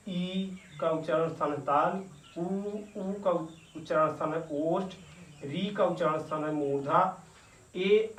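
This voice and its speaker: A man teaching at a very slow, careful pace, stretching out sounds and repeating them for his students. His voice sits a little high. He is recorded from some distance in an echoey room. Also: fairly bright tone. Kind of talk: slow classroom-style grammar lesson. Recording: echoey room, distant mic, faint noise.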